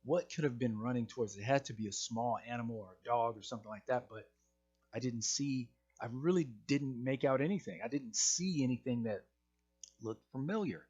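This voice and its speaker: A man's voice: medium pitch, a little fast, a little mellow, slightly rough, dull audio. A man casually telling his own eerie encounter in the woods, hesitant and often repeating himself as he goes. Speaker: channel host sharing his own encounters. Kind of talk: casual spoken storytelling.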